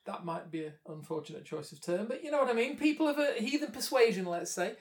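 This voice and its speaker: A woman's voice: medium pitch, animated, fast. A woman co-hosting a podcast in casual chat, with a wry, self-deprecating manner. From Britain. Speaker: podcast co-host.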